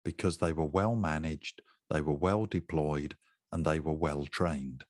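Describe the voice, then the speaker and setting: Older guy, very low voice, dry sound, explains teaching stuff and says things twice for emphasis. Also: a little slow, a little mellow, no room sound. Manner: emphatic, repeats key points, conversational asides. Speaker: education trainer. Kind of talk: instructional talk.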